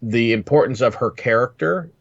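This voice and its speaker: A man co-hosting a podcast in casual chat, halting and repeating words as he talks. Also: mid-range voice, creaky, no echo, muffled recording. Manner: halting, repeats words while searching for them. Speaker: podcast co-host.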